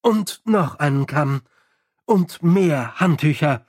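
A brisk young woman sergeant in an audiobook, as a male reader puts her on, handing out orders crisply and expecting them done. The delivery is firm and matter-of-fact, in a fairly high male reading voice. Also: lively intonation, a little mellow, no room sound, clean studio sound. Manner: brisk, commanding.

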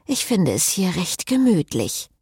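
Woman reading a drowsy teasing hungover young woman, husky voice, lively pitch. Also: a little slow, no room sound, studio quality, exaggerated voice.

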